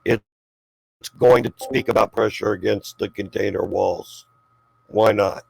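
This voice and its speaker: A low, gravelly male voice in an informal argument, dry and close. He sounds condescending and exasperated and swears freely. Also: steady tone, slow pace, a little mellow, no echo, rough recording. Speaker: debater.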